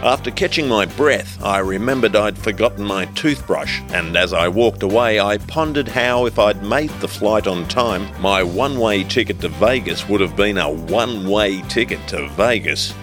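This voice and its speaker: Deep-ish male narrator, wisecracking noir comedy reading, faint music behind. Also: expressive, normal speed, hardly any pauses. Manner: wisecracking hard-boiled first-person. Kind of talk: comic audiobook narration.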